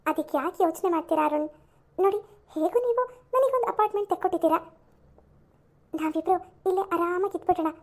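A woman's voice: very high voice, quick pace, long pauses, pitched below the performer's own voice. A woman voicing a scheming young woman who sweet-talks a married colleague in a cartoon. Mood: coaxing. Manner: sweet-talking, wheedling, then cold and selfish.

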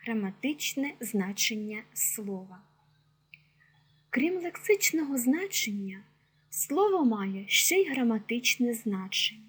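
Female narrator for a school video lesson, slightly raised pitch, breathy edge, steady explanatory read. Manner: clear, measured explanatory delivery. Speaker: teacher. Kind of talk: scripted educational narration.

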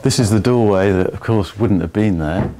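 A man in his fifties giving a measured, step-by-step tour of an old barge's wooden hold. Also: on the low side, dark tone, a little hiss or hum. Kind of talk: explanatory walking tour.

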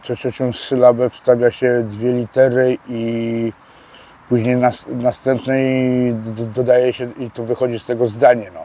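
A man's voice: medium pitch, flat delivery, unhurried, mellow, a little hiss or hum. A man giving casual interview answers outdoors, hesitant and full of fillers and restarts. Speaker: interviewee explaining prison slang. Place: outdoors by a street.

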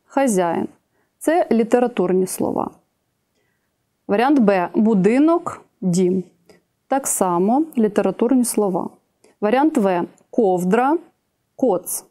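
A young woman teacher walks through an exam-prep lesson in a measured, methodical way, listing her examples one at a time. Her voice sits slightly high, and its tone is warm and mellow rather than bright. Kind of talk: exam-prep video lecture.

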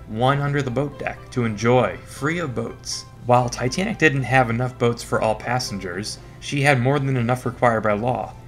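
A man's voice: mid-range voice, a bit bright. A man narrating a scripted history lesson in an informal, wry and sarcastic way. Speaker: history educator.

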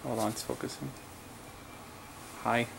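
A man casually narrating what he is filming on a trip, relaxed and chatty. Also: medium pitch, unhurried, creaky, very noisy. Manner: laid-back, narrates what he shows. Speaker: vlogger filming. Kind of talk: casual vlog chat. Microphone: handheld camera.

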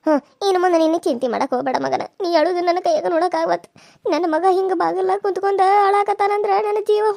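A woman voicing an older village mother in a cartoon serial, consoling her son gently in North Karnataka Kannada. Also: extremely high pitch, creaky, no echo, studio quality. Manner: soothing, motherly.

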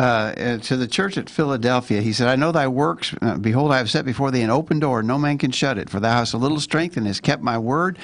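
A man hosting a live Bible study, reading scripture aloud in an earnest, halting way. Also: mid-range voice, no room sound. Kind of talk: casual Bible study talk.

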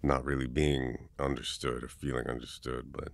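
Very deep gravelly man, whispered role-play. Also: little pitch movement, normal speed, no room sound. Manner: casual, swearing, teasing then gently comforting. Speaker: ASMR boyfriend role-play performer.

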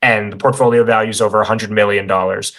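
A man's voice: lowish voice, quick pace, poor audio. A man hosting an online conference over a video call, talking energetically with lots of "like"s, a little out of breath. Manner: energetic, filler-heavy with many "like"s. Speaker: conference host. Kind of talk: casual conference talk.

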